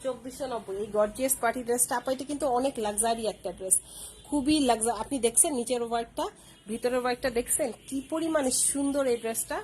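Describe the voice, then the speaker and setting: A woman's voice: on the high side, quick pace, darkish tone, slight background noise, low-quality recording. A woman hosting a live clothing sale stream, using repetitive, persuasive sales patter.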